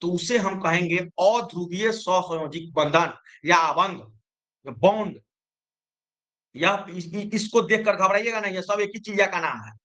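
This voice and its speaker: A man teaches chemistry in a high, bright voice. He keeps tossing questions to his students and answering them himself, repeating key points. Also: unhurried. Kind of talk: chemistry lesson.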